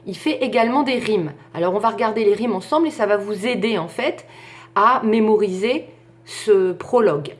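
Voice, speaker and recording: Woman teacher explaining English verse. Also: mid-range voice. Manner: explains slowly, switching between French and English; counts stresses and beats aloud. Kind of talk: recorded online lesson.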